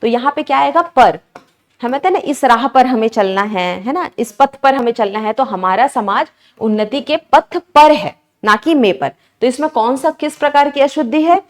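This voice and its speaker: A woman's voice: high-pitched, expressive, normal speed. A woman teaching an exam-prep lesson, explaining each answer step by step and constantly asking her students questions.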